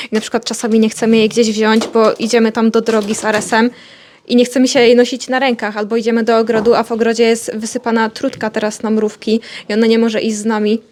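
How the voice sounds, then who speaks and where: A woman's voice: fairly high pitch, darkish tone, a little hiss or hum. Chatty young woman vlogging. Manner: chatty, talks fondly to her animals. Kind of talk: casual vlog chat.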